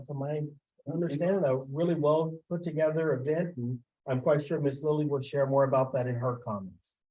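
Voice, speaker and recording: A man, a school administrator, giving a formal report at a board meeting and often pausing on filler sounds. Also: on the high side, warm tone, low-quality recording. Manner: halting, with frequent filler sounds.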